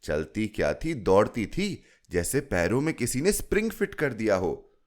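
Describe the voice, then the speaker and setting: A man voicing a fond fifty-year-old woman who coaxes a child with a story in a gentle, lilting way. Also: on the low side, wildly swooping pitch, moderate pace. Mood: coaxing. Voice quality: coaxing, storytelling lilt.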